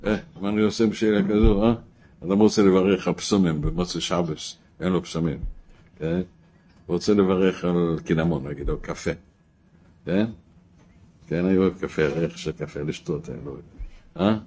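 A man with a very low voice delivers a Torah lesson built on stories. He keeps asking his listeners rhetorical questions. His level swings between quiet, low asides and loud cries. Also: fairly even intonation, long pauses. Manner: storytelling, rises to shouting at emotional peaks; asks rhetorical questions, drops to a low murmur. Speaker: rabbi teaching Torah.

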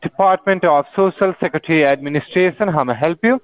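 A man's voice: a little high, fast talker. A man posing as an officer on a scam call, reciting a formal phone greeting. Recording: tinny phone line.

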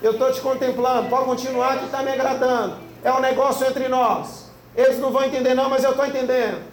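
A man's voice: extremely high pitch, little pitch movement, brisk. A man voicing God as a tender, proud father who reassures his children with coaxing, emphatic promises. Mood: gentle. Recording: roomy hall with faint noise.

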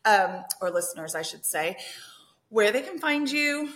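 A woman's voice: medium pitch, lively intonation, unhurried. A woman hosting a podcast, affirming her guest and wrapping up with encouragement. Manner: warm affirming responses, encouraging wrap-up. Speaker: podcast host. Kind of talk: podcast interview.

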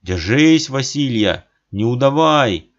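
A man voicing a hearty, boisterous father who shouts encouragement, in a dull lo-fi recording. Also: mid-range voice, lively intonation, normal speed, voice pushed up, natural voice. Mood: shouting. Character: hearty father, loud, cheering on bathers.

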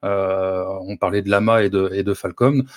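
Low-voiced hesitant man explaining. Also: fairly even intonation, moderate pace, no echo, studio quality. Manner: hesitant, many fillers and restarts, chuckles. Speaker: co-host presenting the topic. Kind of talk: casual podcast discussion.

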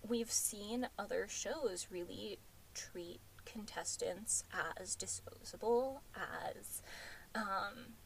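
A woman co-host recaps an episode in relaxed, rambling chat. She leans on fillers and trails through her thoughts. Faint noise sits under the voice. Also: mid-range voice, takes it slowly, gravelly, poor audio. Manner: chatty, many fillers like "um" and "like". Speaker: podcast co-host.

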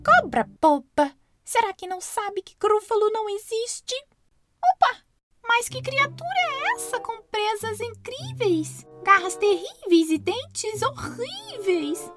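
A tiny, quick-witted mouse squeaks along in a very high, piping voice. He is cocky and playful, with a lilt, a storybook hero over soft music. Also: sing-song, heavily acted. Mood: mocking, wary. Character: small clever boastful male mouse.

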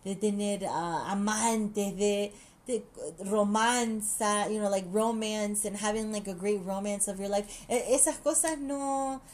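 A woman's voice: medium pitch, steady tone, takes it slowly, a little mellow. A mother chatting casually and bluntly, swearing freely and switching between languages mid-sentence. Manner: blunt and profane. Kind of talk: casual chat.

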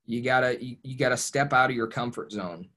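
Young male podcast guest from Ohio, mid-pitched, earnest and reflective, lots of restarts. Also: brisk, pushed and bright. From Ohio, USA. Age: young adult. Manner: earnest, reflective storytelling with frequent restarts and "you know". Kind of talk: casual podcast interview.

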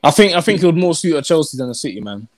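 A man's voice: a little high, very animated, very fast, no echo, studio quality. A man with a London urban roadman accent in a casual football debate, slangy and emphatic, repeating phrases to drive points home. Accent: London, urban roadman slang style.

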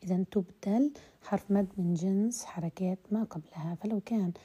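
A woman giving a voice-message lesson on Quran recitation terms, explaining slowly with hesitations and drawn-out example words. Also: medium pitch, warm tone, husky, muffled recording.

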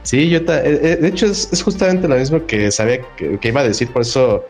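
A man's voice: medium pitch, fast talker, soft background music. A man with a Mexican accent chatting casually on a podcast in loose, slangy speech with frequent restarts.

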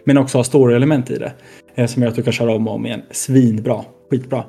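A man's voice: medium pitch, fairly even intonation, creaky, warm tone, slightly rough. A man co-hosting a casual podcast chat, talking enthusiastically about games he has been playing. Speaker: podcast co-host.

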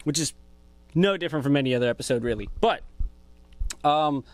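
A man's voice: fairly high pitch, lively intonation, fairly quick, no echo. A man in his twenties hosting a podcast, talking in a rambling, profane, laid-back way as a casual monologue. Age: 20s. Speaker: podcast host.

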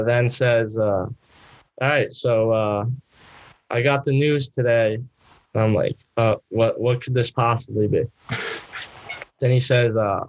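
A man's voice: medium pitch, lo-fi sound. A young man, a college student guest on a podcast, telling a story casually with lots of fillers and a self-deprecating laugh. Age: young adult. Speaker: guest, college baseball player.

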